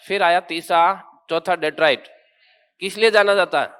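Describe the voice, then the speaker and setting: A man teaching a classroom with a fairly high voice. He questions his students briskly, corrects them with firmness and then lays out the main points one by one. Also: a bit bright, clean tone. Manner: quizzes students, then explains firmly. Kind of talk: classroom geography lesson.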